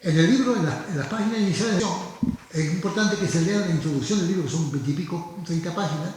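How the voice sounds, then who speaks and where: A man's voice: high voice, animated, fast talker, noisy background. A man with a Canarian Spanish accent presenting his book, explaining at length with frequent restarts and asides. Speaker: book author. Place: cultural centre hall. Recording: echoey hall recording.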